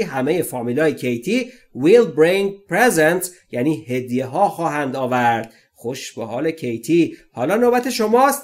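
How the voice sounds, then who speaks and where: Male English tutor, fairly high voice with a lot of melody, reads slowly, explains fast. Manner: asks the listener questions and answers them himself. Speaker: English teacher. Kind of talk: language lesson, reading and explaining sentences.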